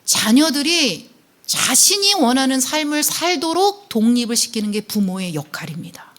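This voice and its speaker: A woman, a family counselor, giving a church seminar lecture in an animated way, acting out quotes and tossing in questioning tags. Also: sits high, moderate pace. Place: church service.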